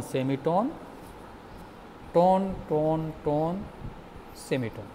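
A man teaching music theory in a slow, patient lecture, explaining step by step and asking the class questions. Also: a little high, darkish tone, a little hiss or hum.

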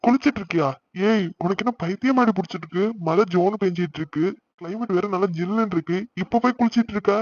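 A man's voice: high-pitched, quick pace, no echo. A man voicing a playful, teasing young husband in a cartoon. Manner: playful, mock-innocent. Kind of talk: cartoon voice acting. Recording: slightly dull lo-fi sound.

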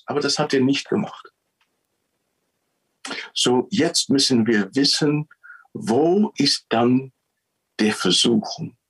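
A preacher man giving a sermon in a husky voice with a mid-range pitch. He speaks slowly and tells the story in an animated way, often restarting on repeated words. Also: low-quality recording.

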